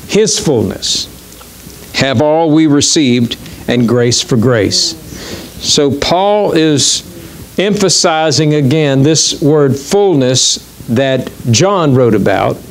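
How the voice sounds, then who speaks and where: A man preaching a sermon as pastor, reading scripture quickly and slowing down to stress key words. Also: a little high. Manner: reads verses quickly, then slows to stress key words. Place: church.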